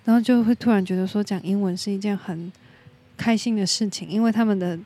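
A woman's voice: mid-range voice, fairly even intonation, brisk, mellow. A woman with a Taiwanese Mandarin accent hosting a casual solo podcast, candid and opinionated, dropping in English words as she goes. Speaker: podcast host.

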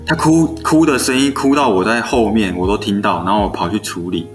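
A young male teacher with a Taiwanese Mandarin accent tells classroom stories at a quick clip. His voice sits fairly low, and he slips into little acted-out bits of dialogue. Soft music plays faintly underneath. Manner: animated storyteller who acts out quoted dialogue. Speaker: elementary school teacher. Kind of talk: casual storytelling chat. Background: faint background music.

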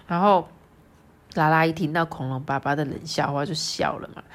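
A woman reading a picture book aloud to a child, chatty and lively with asides. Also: low-pitched, moderate pace. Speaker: storyteller.

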